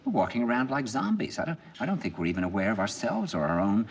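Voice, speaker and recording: A man's voice: lowish voice, big pitch swings, fast. An actor playing an intense middle-aged man confiding over dinner in earnest, probing film dialogue. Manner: earnest, probing, builds to emphatic bursts.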